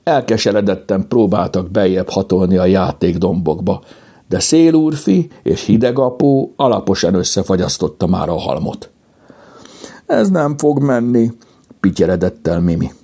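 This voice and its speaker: A man narrating a children's story as an audiobook reader, in a lively storyteller's manner. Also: low voice, husky.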